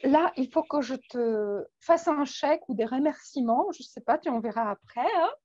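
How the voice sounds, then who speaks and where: A woman's voice: high voice, animated, moderate pace, darkish tone, no room sound, lo-fi sound. A woman from Poland with a Polish accent, speaking French as a guest in a casual interview, hesitant and full of fillers and restarts. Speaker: guest coach.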